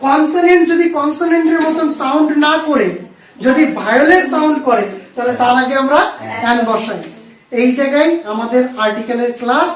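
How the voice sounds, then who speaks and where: A man's voice: extremely high pitch, fairly quick, a little hiss or hum. A man teaching an English grammar lesson to a class, asking the same questions again and again, spelling out words letter by letter and waiting for the students to answer. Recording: echoey classroom, voice from far off.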